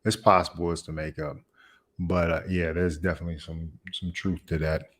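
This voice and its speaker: A man's voice: low voice, flat delivery, normal speed. A man hosting a reaction video, commenting casually on a clip and laughing often, repeating his phrases.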